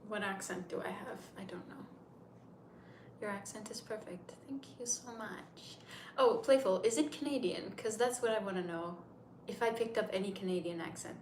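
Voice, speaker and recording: The voice is a woman's, mid-range and at a moderate pace. She's a livestream host, 30 years old, from Turkey and a native Turkish speaker, rambling chattily in English while taking viewers' questions in an echoey room with faint noise in the background.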